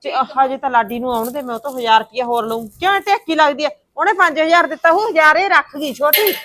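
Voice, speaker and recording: A woman's voice: high voice, quick pace, a bit bright, slight background noise. An actress playing a quarrelsome middle-aged mother-in-law who scolds and taunts her daughters-in-law in a family drama. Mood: scheming. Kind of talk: village family drama acting.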